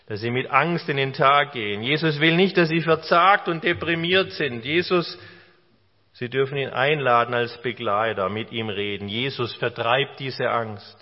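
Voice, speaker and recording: A man preaching a sermon in an earnest, pastoral way, sometimes dropping to soft, prayerful tones. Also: medium pitch, normal speed. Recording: long reverb, dull lo-fi sound.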